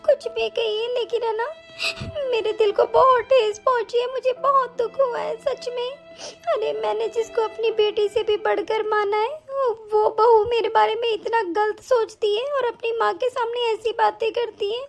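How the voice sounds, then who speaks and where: A woman voicing an older mother-in-law in an animated story, whiny and scolding. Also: extremely high pitch, normal speed, faint music behind. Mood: tearful. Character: older mother-in-law, tearful then stern.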